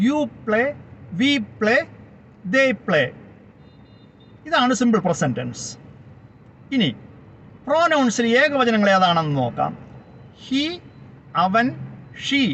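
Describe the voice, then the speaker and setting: A man with a high, animated voice teaches grammar at an unhurried pace, spelling words out letter by letter and translating each one. The recording is a little dull and lo-fi, with a faint hiss of noise behind him. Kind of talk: slow explanatory grammar lesson.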